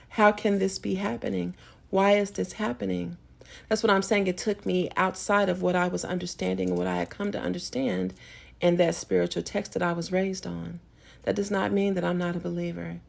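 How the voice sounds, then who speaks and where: A woman's voice: fairly low pitch, creaky, a little mellow. A woman vlogger delivering a spiritual rant, emphatic and preachy, rambling with frequent restarts.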